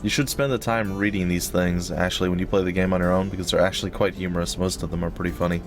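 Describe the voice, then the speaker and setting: Man, low voice, slight wheeze, casual let's play host, rambling and jokey, repeats phrases, music behind. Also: fairly even intonation, quick pace. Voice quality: slightly wheezy, noisy breath.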